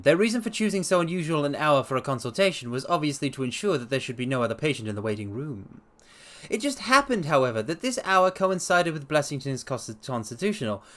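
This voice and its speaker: In a fairly high voice, a man plays a self-assured gentleman detective during a storybook reading, sounding brisk, precise, and emphatic as he explains himself.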